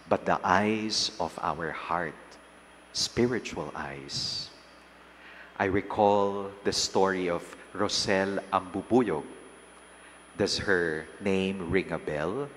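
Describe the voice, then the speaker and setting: Filipino priest, very low voice, unhurried pacing, cathedral echo, long church reverb with faint hiss. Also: male voice, fairly bright tone. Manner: slow, measured delivery with long pauses. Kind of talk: gospel reading and homily at Mass. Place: large church.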